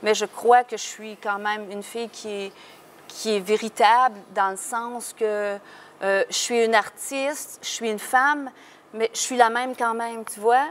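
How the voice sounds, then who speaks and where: A woman's voice: fairly high pitch, fairly even intonation, measured pace, a little hiss or hum. A woman with a Québécois French accent, a singer from Quebec talking frankly and laughing easily in a casual interview. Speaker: singer guest.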